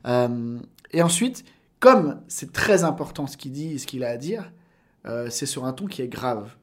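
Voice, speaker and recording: A man in his thirties, guesting on a casual podcast, talking at a middling pitch. He explains his craft at length, full of hesitations and fillers. He laughs easily and stays animated. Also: unhurried. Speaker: voice actor guest.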